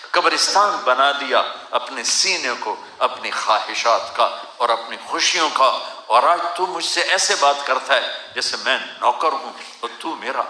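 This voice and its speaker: A man's voice: mid-range voice, sharp tone, echoey room, poor audio. A man preaching an emotional sermon, weeping as he speaks, in a pleading, lamenting way. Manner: tearful, pleading, recites verse in a rising lament.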